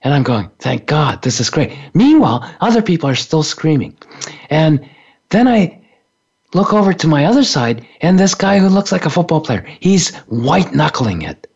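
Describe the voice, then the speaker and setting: A man's voice: fairly high pitch, sing-song, normal speed, a little mellow, breathy edge. A man in his sixties, co-hosting a radio talk show, tells a story with laughter and acts out the other people in it. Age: 60s. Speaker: co-host. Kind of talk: casual storytelling. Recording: dull lo-fi radio sound.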